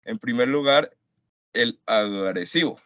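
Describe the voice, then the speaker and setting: A man's voice: medium pitch, takes it slowly, fairly bright tone, dry recording. A man teaching a web conference class, explaining to his students and addressing them directly. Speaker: lecturer. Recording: dry, dull lo-fi call audio.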